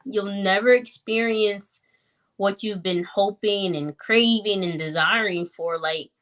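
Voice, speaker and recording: A woman's voice: medium pitch, slow, a bit bright. A woman in her thirties sharing her personal story in a podcast conversation, reflective and earnest, with many fillers.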